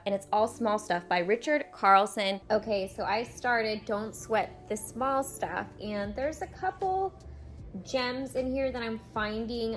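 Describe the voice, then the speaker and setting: A young woman vlogger talking casually to camera about books she has read, often saying "like". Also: on the high side. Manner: chatty, frequent "like" fillers.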